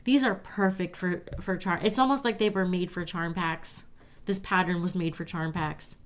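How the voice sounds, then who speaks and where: A woman's voice: lowish voice, fairly even intonation, moderate pace. A woman with a stuffy, nasal voice hosting a live crafting stream, chatting with viewers and answering their comments. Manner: chatty, talks straight to viewers as "you guys".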